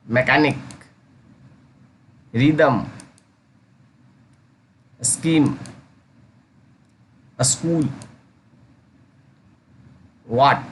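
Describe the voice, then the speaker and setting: Slow, deliberate male teacher. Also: medium pitch, fairly bright tone, slightly rough. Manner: slow, drawn-out repetition of each word; addresses listeners as guys. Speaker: English teacher. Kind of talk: pronunciation lesson.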